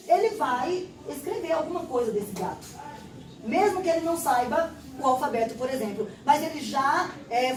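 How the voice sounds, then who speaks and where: A woman's voice: sits high, a little mellow. Brazilian woman teacher, patient step-by-step explainer, recorded in a roomy space with faint background noise. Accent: Brazilian Portuguese. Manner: explains step by step, acts out classroom exchanges. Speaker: literacy teacher. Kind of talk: instructional explanation. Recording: roomy echo, distant mic.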